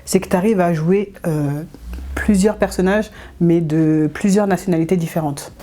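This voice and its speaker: A woman's voice: lowish voice, moderate pace, dark tone. A woman hosting an interview, asking long, winding questions. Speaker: interviewer, host.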